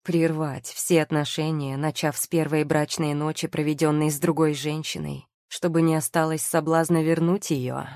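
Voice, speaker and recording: A woman's voice: sits low, steady tone, moderate pace, few pauses, darkish tone, dry recording, studio quality. A woman reading the lines of an angry, passionate young male lord in an audiobook, speaking hard and firm.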